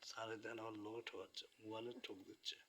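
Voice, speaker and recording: A man quietly narrating a late-night home vlog about his pet bird, speaking softly so the neighbors can sleep. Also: lowish voice, level tone, very fast, slight background noise. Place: indoors at home, in bed.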